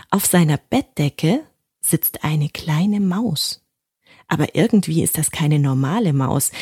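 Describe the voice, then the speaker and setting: Storyteller: woman, gentle bedtime reading, husky tone, dry close mic. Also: sits low, no echo.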